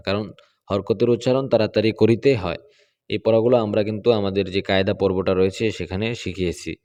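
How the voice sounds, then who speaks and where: A man's voice: lowish voice, darkish tone, lo-fi sound. A man from Bangladesh, a Quran teacher, patiently correcting pronunciation step by step and checking in with his students.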